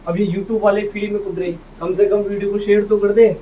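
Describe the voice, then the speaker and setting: In a noisy, distant and dull classroom recording, a man with a high-pitched, level voice leads an English phonics drill at a fairly quick pace. He repeats every word, asks the students to say it back, and calls them "beta".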